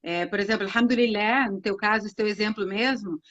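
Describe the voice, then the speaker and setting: A woman's voice: mid-range voice, a little fast, a bit bright. Woman with a muffled live-stream voice. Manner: reflective, many fillers and restarts, retells hadith with acted quotes. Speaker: co-host of Islamic live talk. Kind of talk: casual religious talk.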